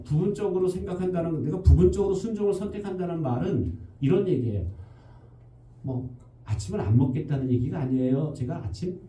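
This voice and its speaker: A man's voice: a little high, dark tone. A male pastor giving a conversational sermon in a church, explaining with everyday examples. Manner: conversational preaching with everyday examples and acted quotes. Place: church sanctuary. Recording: roomy church hall, distant mic.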